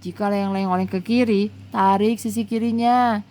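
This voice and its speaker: A woman voicing Sartak, a young boy patiently explaining to a friend in a storybook reading, brisk and instructive. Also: medium pitch, steady tone, mellow, close to an everyday voice. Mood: instructing.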